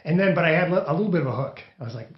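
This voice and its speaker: A man's voice: a little high, lively intonation, racing, a crowd in the background. A man hosting a podcast interview in casual chat, rambling with many restarts. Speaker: podcast host. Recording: echoey room, dull lo-fi sound.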